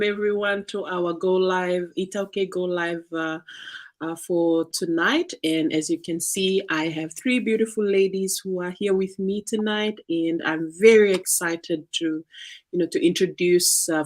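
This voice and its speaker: A woman from Fiji hosting an online live-stream chat, welcoming viewers with frequent ums and uhs. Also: fairly low pitch. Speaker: host.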